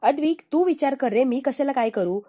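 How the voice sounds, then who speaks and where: A woman's voice: sits high, lively intonation, normal speed, mellow. A woman voicing a man's inner conscience that teases and lectures him. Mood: scolding. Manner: needling, lecturing. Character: man's own inner voice, teasing and scolding.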